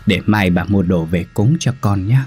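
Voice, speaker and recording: A soft-spoken, devout old grandmother who coaxes and soothes in a low, husky tone, as a male narrator voices her. Her words come gently and unhurried. She is a character in a spoken ghost story. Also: soft background music. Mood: soothing. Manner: gentle, coaxing.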